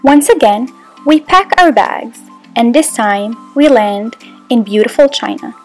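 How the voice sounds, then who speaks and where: A woman's voice: a little high, lively intonation, measured pace, soft background music. A young woman from Morocco, a student, narrating her own short video in a scripted, explanatory way. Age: young adult. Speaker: student presenter.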